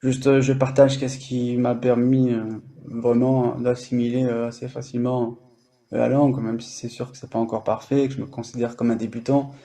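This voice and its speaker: A man's voice: medium pitch, level tone, normal speed, mellow. A French-speaking man hosting a language-learning live stream, explaining casually with many fillers and restarts.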